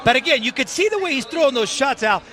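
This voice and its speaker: Very high-pitched, emphatic male fight commentator. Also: lively intonation, fast. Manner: emphatic, dramatic phrasing. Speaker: play-by-play boxing commentator. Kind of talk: live sports commentary. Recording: loud crowd and arena noise behind.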